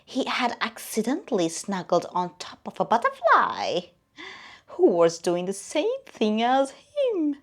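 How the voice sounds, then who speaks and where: A woman narrating a children's story as a friendly owl, in a slow, expressive way that often drops to a whisper. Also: medium pitch.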